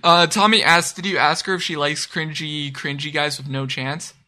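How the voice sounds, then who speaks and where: A woman's voice: low voice, fairly even intonation, normal speed, bright, forceful tone. A woman hosting a casual chat, reading chat questions and reacting with jokes and swearing. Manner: joking, reacts with swearing and quips.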